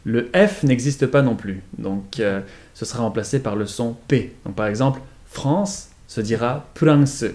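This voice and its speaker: A man's voice: medium pitch, measured pace, few pauses, a little mellow. A man casually teaching pronunciation, explaining and demonstrating sounds one by one. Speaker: accent teacher. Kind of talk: casual lesson.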